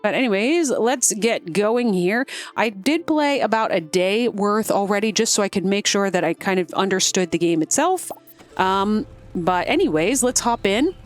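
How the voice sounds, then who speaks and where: A woman's voice: mid-range voice, lively intonation, moderate pace, faint music behind. A woman game streamer giving casual, rambling gameplay commentary with lots of fillers.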